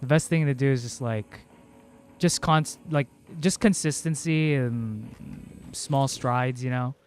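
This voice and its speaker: A man with a mid-range, darkish voice talks unhurriedly, rambling with plenty of fillers in casual livestream chat. He's a game streamer from the Philippines whose native language is Cebuano.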